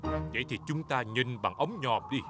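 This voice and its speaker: A man voicing a jolly, slightly proud father pig in a children's cartoon, expressive and hearty. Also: mid-range voice, moderate pace, loud music behind the voice, close to an everyday voice.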